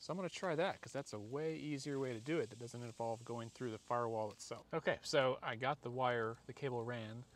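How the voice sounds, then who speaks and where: Speaking at a medium pitch, this American man talks fairly quickly with few pauses, vlogging casually as he installs a product. His hands-on tutorial is rambling, conversational and self-deprecating, shot in a driveway and a parked car. A camera or phone mic picks him up from arm's length to a few feet, and the noisy outdoor and in-car sound carries obvious background noise.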